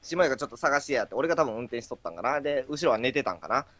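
A man's voice: mid-range voice, lively intonation, very fast, fairly bright tone, no room sound. A man co-hosting a casual stream, a chatty storyteller who acts out quotes. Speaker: stream co-host.

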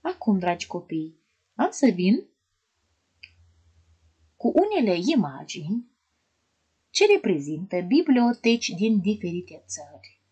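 A woman primary school teacher giving an online lesson to young children, asking them questions in a gentle, sing-song way. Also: mid-range voice, very animated, pauses often, slightly rough, highs cut off.

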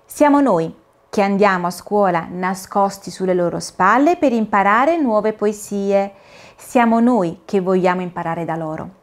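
A woman's voice: medium pitch, animated, measured pace, natural voice. A woman voicing a polite, earnest little male caterpillar who speaks in a solemn, careful storybook manner. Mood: confiding.

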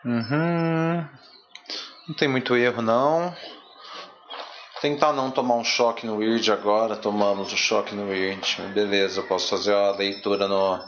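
A young man from Brazil giving casual, slangy commentary while he plays a card game, muttering to himself with sudden excitable bursts. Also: fairly low pitch, normal speed, highs cut off, slight background noise. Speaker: streamer playing a card game.

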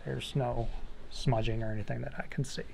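A man doing a relaxed, joking toy review, talking through each detail as he handles the figure at a table in a small studio. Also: medium pitch, fairly quick, vocal fry, a little hiss or hum. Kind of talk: casual toy review chat.

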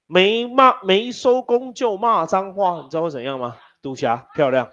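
A man's voice: sits high, moderate pace, a bit bright. A man teaching an English class, teasing his students and spelling words out letter by letter. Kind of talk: classroom lesson. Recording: dull lo-fi classroom recording.

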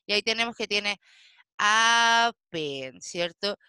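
A woman teaching an English class, explaining slowly and patiently and checking often whether students follow. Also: mid-range voice, expressive, sharp tone, smooth, no room sound. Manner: slow, patient explaining with frequent checking questions. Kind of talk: online class lesson.

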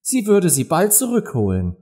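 A man voicing a curious, polite little girl in an audiobook, high and eager. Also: huge pitch swings, moderate pace, mellow. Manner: high, eager and wide-eyed. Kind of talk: audiobook character voice.

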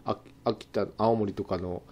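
A man's voice: on the low side, steady tone, a little slow, darkish tone, slight background noise. A male podcast host in casual chat, chatty, easygoing and joking.

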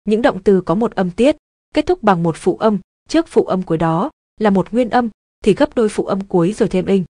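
A woman teaching a grammar lesson in scripted narration, explaining in an even, measured way. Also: mid-range voice, dry recording, clean studio sound.

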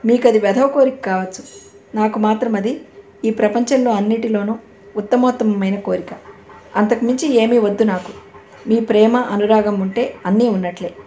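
A woman voicing a young wife who cannot walk, soft and sincere in a storybook reading. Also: on the high side, steady tone, normal speed, close to an everyday voice. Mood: devoted. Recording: echoey room, faint background noise.

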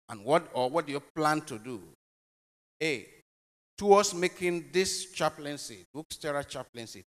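A male priest reading the Gospel and posing homily questions in a slow, deliberate, solemn way, phrases swelling and fading, with a long cathedral-like echo around him. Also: on the high side.

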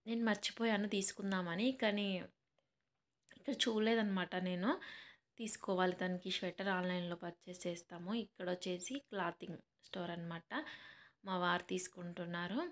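A woman's voice: on the low side, level tone, a little fast. A young woman and mother narrating a family shopping vlog in a chatty voice-over, often addressing viewers as friends. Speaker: vlogger and mother.

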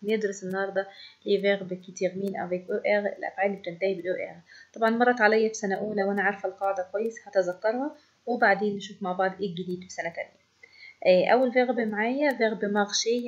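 A woman's voice: medium pitch, husky, muffled recording. A woman with an Egyptian Arabic accent teaching a French grammar lesson, explaining step by step and asking and answering her own questions.

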